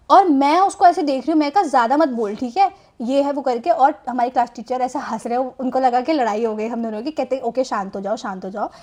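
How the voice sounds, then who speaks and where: A woman's voice: high-pitched, mellow. A young woman telling a personal story in a casual, chatty way, mixing in English phrases and often adding "theek hai". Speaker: storytime vlogger.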